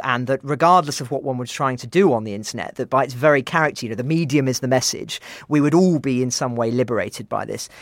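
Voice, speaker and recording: A man with a medium-pitched voice in a very dry recording, acting as interviewer. He builds long questions in a measured, polite, discursive way. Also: no echo.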